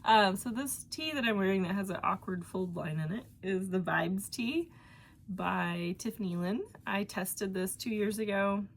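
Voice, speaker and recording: A young woman hosts a knitting podcast from home, her mid-range voice a little slow and somewhat congested from allergies. She chats casually and rambles, dropping in plenty of fillers.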